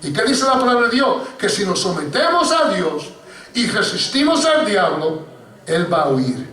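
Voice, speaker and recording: A man's voice: high voice, normal speed. A man preaching a sermon as pastor, telling a story and often calling to his listeners as brothers. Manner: animated preaching, addressing listeners as hermano. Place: church hall. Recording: echoey church recording from far off.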